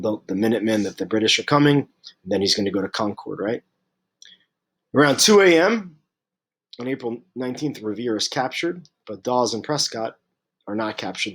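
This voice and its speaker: A man teaching a history lesson, unwell and clearing his throat, halting with many fillers and restarts. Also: on the low side.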